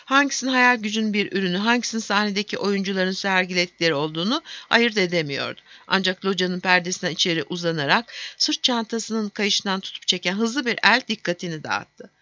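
A woman narrating a fantasy audiobook in a steady storytelling manner. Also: medium pitch, fast, hardly any pauses, no echo, lo-fi sound.

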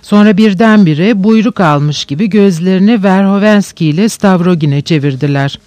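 A man reads a novel aloud for an audiobook in a high voice. His pace is steady and measured. The recording is dry and close, with no room sound. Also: no room sound, lo-fi sound. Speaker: audiobook narrator. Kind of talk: scripted narration.

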